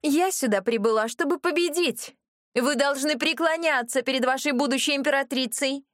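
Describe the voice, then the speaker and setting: A woman voicing a haughty, crazed young noblewoman villain who talks in a shrill, domineering, threatening way. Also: expressive, normal speed, dry recording, clean studio sound. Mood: raging.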